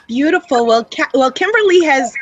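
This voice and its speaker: A woman's voice: sits high, animated, normal speed, dull audio, slight background noise. A woman hosting an online interview, upbeat and affirming as she relays questions. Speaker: interview host.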